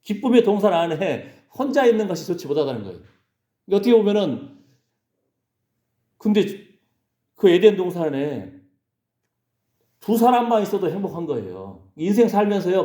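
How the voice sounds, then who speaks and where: Man, pastor, conversational sermon, fairly high voice, echoey sanctuary. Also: sing-song, moderate pace, long pauses, dark tone. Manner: conversational preaching, prompting the congregation with "예?". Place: church sanctuary.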